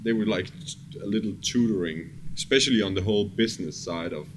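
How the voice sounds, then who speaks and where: In a clearly noisy setting, a Danish man with a lowish voice talks fairly quickly in accented, non-native English. He's a music producer, casually looking back on his work during an interview.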